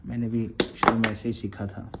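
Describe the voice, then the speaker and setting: A man's voice: on the low side, little pitch movement, brisk, very noisy. A man teaching a spoken lesson on writing letters, patiently sounding them out and checking in after each word. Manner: patient, repeats sounds aloud, frequent "theek hai ji". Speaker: Gurmukhi teacher.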